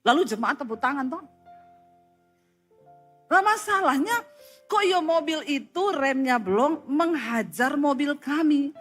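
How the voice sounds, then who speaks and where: A woman preacher delivering a sermon as vivid storytelling, swinging sharply between loud and soft. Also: measured pace, pauses often, soft background music. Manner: expressive storytelling with sharp rises and drops in pitch and volume.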